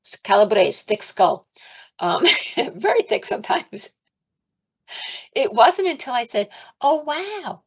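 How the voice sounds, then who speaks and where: A woman giving an informal, chatty sermon, animated, laughing often and raising her voice to act out her pleas to God. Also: medium pitch, measured pace, pauses often, breathy edge. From Italian and Irish heritage. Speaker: spiritual teacher.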